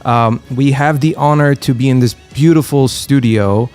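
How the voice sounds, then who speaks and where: A man's voice: mid-range voice, normal speed, darkish tone, faint music behind. A man hosting a podcast, introducing his guest in a friendly, casual way with frequent fillers. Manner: friendly, filler-heavy interviewing. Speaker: podcast host.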